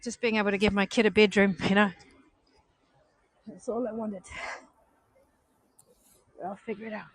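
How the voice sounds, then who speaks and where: Chatting casually to her live-stream viewers as she walks outdoors through city streets at night, a woman with a New Zealand accent sounds subdued and disappointed. Her husky, medium-pitched voice keeps a level tone at a moderate pace, pausing often, in a dry recording.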